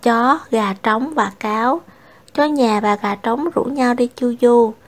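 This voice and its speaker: A woman's voice: fairly high pitch, takes it slowly. A woman reading children's fables aloud as a storyteller, lightly voicing the animals.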